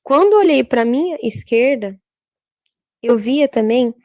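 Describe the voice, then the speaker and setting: Halting woman giving testimony. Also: high-pitched, expressive, a little mellow, dry recording. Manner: halting, repetitive, frequent filler tags. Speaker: church worker giving testimony. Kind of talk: religious testimony.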